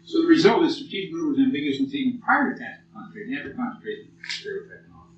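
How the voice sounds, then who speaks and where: Profane, animated older American man lecturing. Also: on the high side, rapid-fire, slight background noise. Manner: blunt, profane, animated storytelling. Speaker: military lecturer. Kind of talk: informal lecture with war stories. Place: lecture hall. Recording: muffled old tape from far off in an echoey room.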